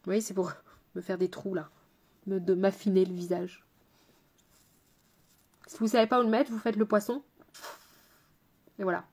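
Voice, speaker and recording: A chatty woman makeup artist explains her steps as she works, at a middling pitch. Her tone is casual and direct, and she tosses playful asides to someone off camera. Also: fairly even intonation, moderate pace, long pauses, a little mellow. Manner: chatty, addresses viewers directly.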